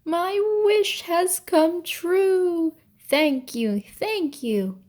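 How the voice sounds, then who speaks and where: A woman voicing a greedy, excitable king in a storybook myth, exclamatory and dramatic. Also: on the high side, takes it slowly. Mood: overjoyed.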